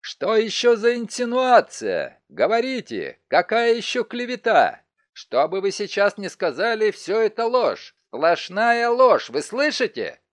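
This is a frantic, indignant man, put on by an audiobook narrator, pitched well above the narrator's own voice. He protests, sneers and swears his innocence in a loud, strained way. The recording is dry and close. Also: measured pace, few pauses, dry recording. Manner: excited, protesting, mocking. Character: indignant, shrill middle-aged male suspect.

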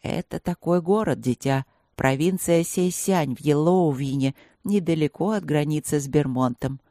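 A reader voicing a wise old grandfather tiger who speaks in an unhurried sing-song. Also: mid-range voice, warm tone, no room sound, clean studio sound, lightly acted.

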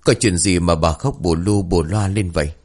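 Man doing a stern village father, gruff, questioning, deep. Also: normal speed, darkish tone. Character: middle-aged father, stern but grieving.

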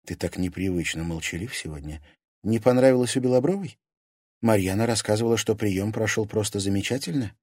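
Young woman, hushed and lower, read by a man, dry close mic. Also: fairly quick, husky, no echo. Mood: bewildered. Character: young woman, puzzled and defensive girlfriend. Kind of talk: audiobook character reading.

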